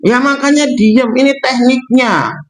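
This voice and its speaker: A man's voice: very high voice, unhurried, low-quality recording. A male preacher with a Javanese accent giving a mosque sermon, asking the congregation rhetorical questions and breaking off words to repeat them for emphasis.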